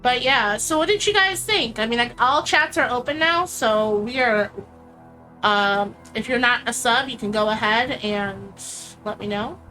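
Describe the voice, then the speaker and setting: A woman's voice: a little high, animated, a little slow, bright, forceful tone, soft background music. A woman co-hosting a casual live stream, rambling and giggly, often trailing off mid-sentence. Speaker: stream co-host.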